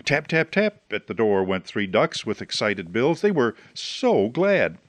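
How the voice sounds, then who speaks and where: A man reading a children's story aloud in a gentle, expressive way. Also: medium pitch, measured pace, dry recording. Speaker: storybook reader.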